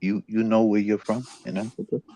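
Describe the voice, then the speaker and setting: A man's voice: on the low side, fairly even intonation, brisk, warm tone, no room sound. A man in an online group call, asking pointed questions and pressing for yes or no answers.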